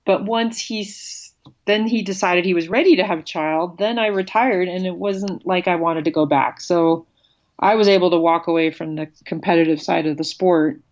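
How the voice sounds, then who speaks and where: A woman's voice: fairly low pitch, normal speed, darkish tone, lo-fi sound. A woman in a casual interview, speaking candidly and bluntly as a former pro cyclist guest, laughing often.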